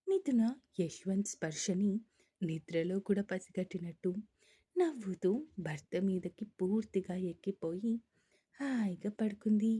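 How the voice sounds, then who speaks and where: A woman reading a romance story aloud as a storyteller, in an even narrating manner. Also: mid-range voice, unhurried, breathy edge. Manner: reads all characters' lines in her own voice, mostly even narration.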